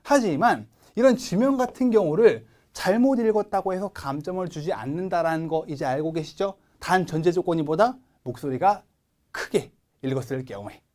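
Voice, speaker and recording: A man with a Korean accent teaching English test prep in a recorded lecture, emphatic, drilling words slowly and asking and answering his own questions. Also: fairly high pitch, darkish tone. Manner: asks questions and answers them himself.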